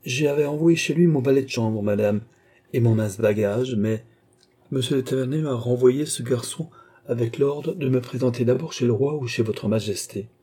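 Audiobook casting: man doing a serious, modest young soldier with a dark, husky voice. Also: medium pitch, normal speed, natural voice. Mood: earnest, grave. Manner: restrained, serious.

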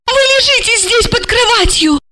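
A woman voicing an indignant, flustered young wife in an audiobook, with a shrill, exasperated manner. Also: expressive, moderate pace, sharp tone, heavily acted. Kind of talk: audiobook character voice.

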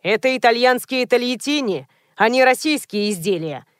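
A woman reading aloud and voicing a young male store manager who explains things slowly and defensively. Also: fairly high pitch, lively intonation, no room sound, studio quality, natural voice. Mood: officious.

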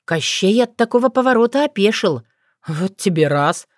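A woman narrating an audiobook fairy tale in expressive storytelling. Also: mid-range voice, normal speed, dry recording, clean studio sound.

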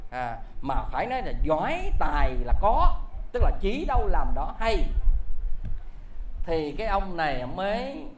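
Buddhist preacher, storytelling dharma talk, lively expressive pitch, roomy echoey sound. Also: a little slow. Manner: chatty, explains scripture phrase by phrase, many fillers. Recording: roomy echo, faint ambient noise.

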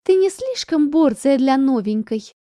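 A woman voicing a spiteful teenage schoolgirl bully who taunts in sneering, shrill tones in an audiobook. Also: sing-song, normal speed, dry recording, clean studio sound.

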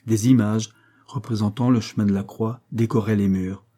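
A man narrates a classic novel in a measured audiobook reading. His voice is low and husky, with a dark, mellow tone. The delivery stays even and literary.

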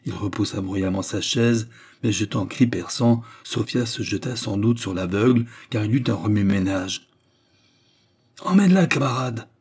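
A man reading a novel aloud in a steady, measured narration. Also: fairly low pitch, slightly rough. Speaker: audiobook reader. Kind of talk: scripted narration.

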